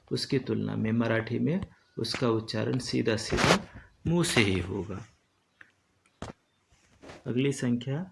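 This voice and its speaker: Man teaching a lesson, gravelly voice, takes it really slow, repeats stuff. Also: medium pitch, noisy background. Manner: slow, deliberate, repeats each term.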